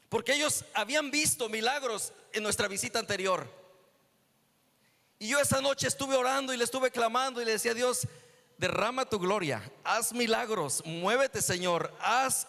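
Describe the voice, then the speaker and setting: A man's voice: sits high, vocal fry, bright, forceful tone. A man preaching as a guest pastor, telling a healing story and acting out the dialogue. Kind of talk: sermon testimony. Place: church hall. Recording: echoey church hall.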